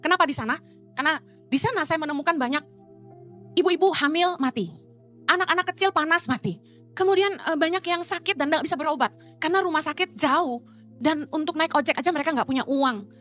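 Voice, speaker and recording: A woman's voice: sits high, fairly quick, sharp tone, soft background music. A middle-aged woman pastor, preaching in a blunt, emphatic way and dropping English phrases into her sermon.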